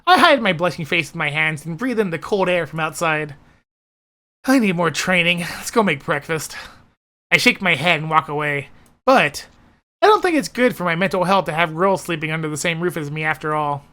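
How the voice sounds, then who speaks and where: A woman with a deep, fairly bright voice expressively reads first-person visual novel narration at normal speed in an animated way. She serves as both narrator and editor of a playthrough series.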